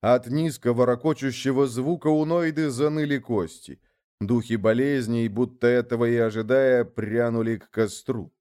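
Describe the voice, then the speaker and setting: A man narrating a fairy tale as an audiobook reader, in measured storytelling. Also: medium pitch, fairly even intonation, darkish tone, clean tone. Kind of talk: scripted narration.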